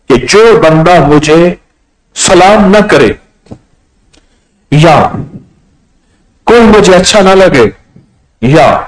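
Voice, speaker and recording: A man delivers a storytelling sermon in a somewhat high voice. His delivery is lively, with wide swings of pitch. He slips into the voices of the people in his anecdotes. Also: rough recording. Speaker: religious speaker.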